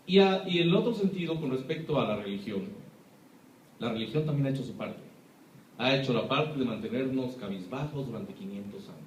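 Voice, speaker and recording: A man's voice: mid-range voice, expressive, a little fast, slight background noise. A man with a Mexican accent giving an impassioned public talk, emphatic and full of rhetorical questions. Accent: Mexican Spanish. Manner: emphatic, rhetorical questions, acts out quoted voices. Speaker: lecturer. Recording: echoey room, speaker far from mic.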